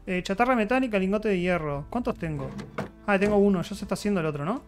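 A man's voice: high-pitched, lively intonation, fast talker, over music. A man with a Rioplatense Spanish accent, chatty let's-play commentary as he thinks aloud through crafting and fights. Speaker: gaming YouTuber.

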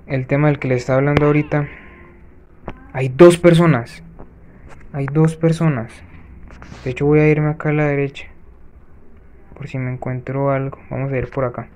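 Brief: male gaming host, mid-pitched, casual running commentary with sudden gasps. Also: darkish tone. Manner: chatty, talks viewers through the match with quick gasping reactions. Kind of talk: let's-play gameplay commentary.

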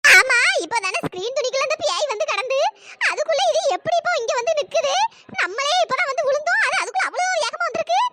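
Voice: extremely high pitch, lively intonation, fast talker, sharp tone, a little hiss or hum, heavily acted. An actress voicing a bossy, scolding village auntie in a cartoon. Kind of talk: cartoon voice acting.

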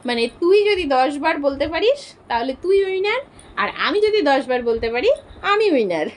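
Woman, young mother, playful host, high voice, animated, faint background music. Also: moderate pace. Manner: chatty, laughing, addresses viewers as friends. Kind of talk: playful tongue-twister challenge with her daughter.

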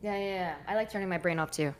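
A woman's voice: lowish voice, quick pace. A woman co-hosting a stream, reading viewer questions and asking curious follow-ups in casual chat.

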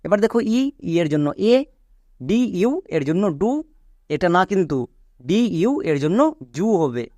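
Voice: mid-range voice, expressive, moderate pace, mellow, dry recording, clean studio sound. A teacher, giving an online grammar lesson step by step and quizzing the viewer with questions. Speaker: English teacher.

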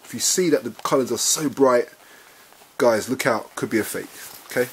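A man with a London accent talking casually as he reviews a jacket at home, chatty and relaxed, often calling his viewers guys. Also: medium pitch, normal speed, a little hiss or hum. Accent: London English. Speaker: fashion vlogger reviewing a jacket. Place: indoors, at home beside a bed.

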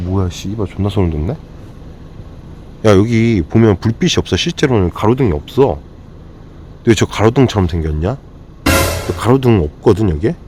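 A man's voice: medium pitch, noisy background. A man exploring an empty school at night with friends, talking in a jumpy, nervous way and swearing often. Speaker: vlogger exploring a closed school. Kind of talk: casual night exploration vlog.

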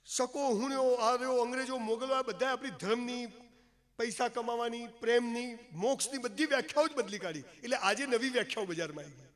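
With an extremely high pitch, a man gives an animated, brisk motivational speech to an audience, his tone a bit bright. He is emphatic and folksy, joking and mixing in English phrases. His words echo with long hall reverb.

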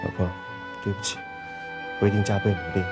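An actor playing a proud young husband out of work, indignant at times and earnest at others, in a TV drama. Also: male voice, lowish voice, flat delivery, fast, natural voice. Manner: indignant, then earnest and reassuring. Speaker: laid-off office worker, husband. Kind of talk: TV drama acting. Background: music score.

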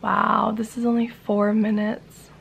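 Indoors in a room at home, a 25-year-old American-accented woman from Hawaii vlogs to camera, unhurried and creaky-voiced at a medium pitch that barely moves. Her talk is casual, informal and hesitant, often trailing off, with slight background noise behind her.

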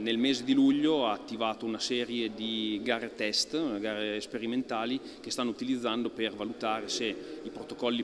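A man in his thirties, an archery club president, giving an interview in an indoor archery hall, talking with many fillers and pauses. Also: fairly low pitch, fairly bright tone. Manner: thoughtful, halting, many fillers. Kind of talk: on-camera interview.

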